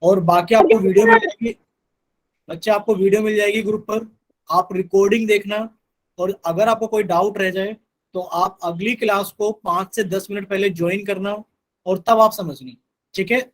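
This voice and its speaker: A man's voice: high voice, animated, normal speed, low-quality recording. A man teaching a live online math class, patiently repeating instructions to his students.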